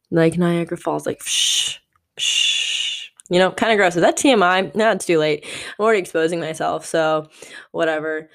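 A woman in her twenties hosting a solo podcast, talking candidly and rambling with lots of "like" fillers. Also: lowish voice. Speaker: podcast host.

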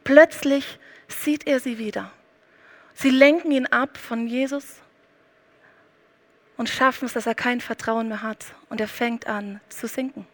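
High-voiced woman preaching emphatically. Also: unhurried, pauses often. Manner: emphatic, direct address to the listener. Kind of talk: sermon.

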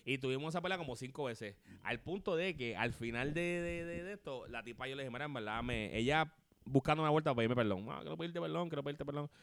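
A man, co-hosting a podcast in casual chat and telling stories in a rapid, animated way full of slang. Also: medium pitch, clean tone, dry recording. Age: 30s. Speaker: podcast co-host.

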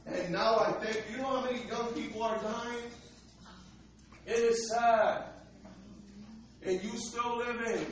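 Male preacher, American, high-pitched, street-talking sermon style calling on the congregation; very reverberant church recording. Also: fairly even intonation, unhurried, pauses often. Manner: streetwise colloquial delivery with rhetorical questions and calls for response. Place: large echoey indoor room, church service. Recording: echoey hall, distant dull mic, faint noise.

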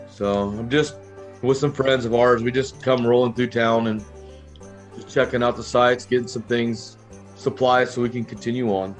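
A man's voice: mid-range voice, natural voice. A man playing a friendly, rambling adventurer in a tabletop game, talking like a jovial town drunk. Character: friendly, rambling wandering adventurer, happily drinking in a tavern. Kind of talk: improvised tabletop role-play.

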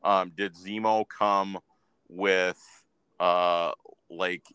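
Deep voiced guy cracking dry jokes on a podcast, dead dry sound. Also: extremely slow, clean tone, no room sound. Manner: jokey, deadpan asides. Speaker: podcast co-host. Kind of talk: casual chat.

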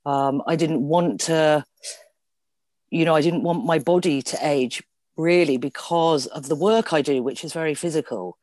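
A woman's voice: low-pitched, normal speed, a little mellow, dry recording. A middle-aged woman from Devon, talking conversationally as a podcast guest. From Devon, England. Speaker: podcast guest, theatre performer. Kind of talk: conversational interview.

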